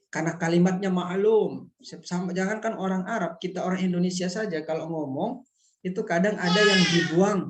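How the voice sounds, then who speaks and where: A man teaching a class in a relaxed, reassuring way, working through examples with rhetorical questions. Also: high voice. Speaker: lecturer. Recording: echoey room.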